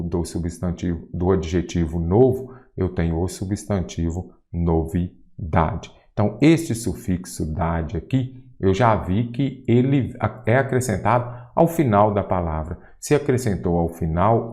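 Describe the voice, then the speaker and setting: A man with a fairly low voice teaches an exam-prep grammar lesson. He keeps asking rhetorical questions and pushes his pitch up sharply on key terms. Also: unhurried, hardly any pauses. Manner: rhetorical questions, lively emphasis on key words.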